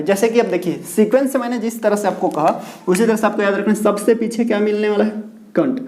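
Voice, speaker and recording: A high, slightly mellow voice belongs to a man teaching pronunciation in a classroom. He poses questions, supplies the answers himself and repeats key words, all in a roomy echo.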